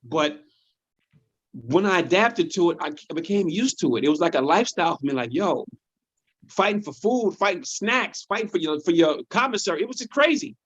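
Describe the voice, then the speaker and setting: A man who is a comedian, chatting casually on a podcast and telling animated stories, often repeating words as he goes. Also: high-pitched, brisk, breathy edge. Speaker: comedian guest. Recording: dull lo-fi sound.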